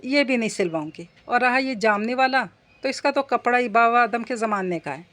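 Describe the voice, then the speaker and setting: A woman's voice: fairly high pitch, expressive, moderate pace, a bit bright. A woman reading the part of a chatty young bride who is picky about her clothes.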